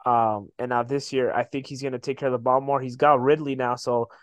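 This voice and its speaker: Male sports podcast host, mid-pitched, slangy and sweary, loose conversational delivery, dry close sound. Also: fairly even intonation, fairly quick, dry recording. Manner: slangy, profane, says "bro" often. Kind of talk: casual sports chat.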